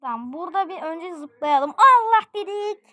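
A woman giving live gameplay commentary, excitable and quick to laugh and shout out exclamations. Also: very high voice. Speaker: gaming video creator.

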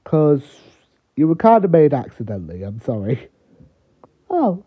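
Lady with a lowish voice doing a toy story, very up and down, muffled lo-fi sound. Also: sing-song, a little slow, husky. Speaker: toy show performer.

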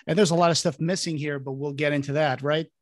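Hesitant podcast host, dry sound. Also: male voice, fairly high pitch, steady tone, quick pace, dry recording. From Portugal. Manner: hesitant, many fillers. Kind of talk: casual video-call chat. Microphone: headset over video call.

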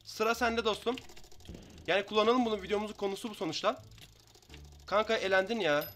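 A young man from Turkey giving excitable commentary on his own Minecraft match, taunting opponents in quick banter. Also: sits high, a little hiss or hum. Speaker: gaming YouTuber. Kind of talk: live Minecraft gameplay commentary.

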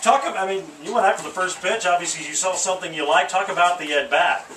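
A man's voice: high-pitched, fast talker, pushed and bright, distant mic. A male sports radio announcer interviewing after a game in a small wooden press box, asking long, rambling questions with restarts over a headset mic. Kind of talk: postgame interview. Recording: echoey, from off the mic, noisy outdoor ambience.

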